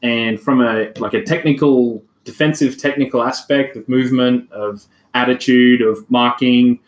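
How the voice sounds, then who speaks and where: A man's voice: medium pitch, steady tone, normal speed. A man co-hosting a podcast, talking through football tactics in long, thoughtful explanations. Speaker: podcast co-host. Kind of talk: casual chat, football analysis. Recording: echoey room.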